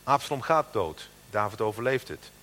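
A man in his thirties preaching a sermon, emphatic and animated, slowing down to stress the scripture he quotes. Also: fairly low pitch, in a large hall.

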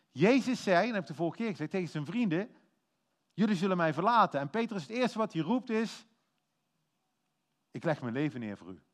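A man giving a lively, informal sermon, telling a story with acted-out quotes and quick self-corrections. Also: sits high. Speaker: preacher.

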